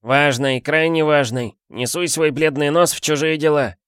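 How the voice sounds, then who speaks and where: A man's voice: fairly high pitch, fairly even intonation, normal speed, fairly bright tone, smooth, dry recording, clean studio sound, voice pushed up, natural voice. A man voicing a suspicious, ill-tempered painted male mouse who snaps and barks his lines in a storybook. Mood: grumpy. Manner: snappish, barking. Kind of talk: audiobook character voice.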